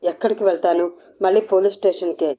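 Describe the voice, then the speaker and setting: A woman's voice: medium pitch, fairly even intonation, fast, mellow, natural voice. A woman voicing a frightened, tearful young woman who pleads shakily, in a storybook reading. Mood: resigned. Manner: pleading, shaky. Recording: dull lo-fi audio.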